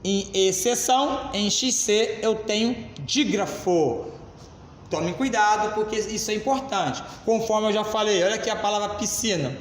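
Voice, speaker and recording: A Brazilian man teaching a grammar lesson at the board, explaining slowly and addressing the class as "senhores.". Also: high voice, a little hiss or hum. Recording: echoey classroom, reverb.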